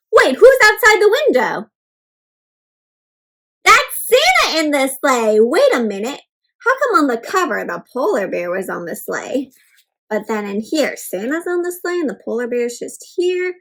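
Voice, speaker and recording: A woman with a high, fairly bright voice hosts an interactive storybook read-aloud for children. Like a teacher, she asks questions and explains words in simple terms.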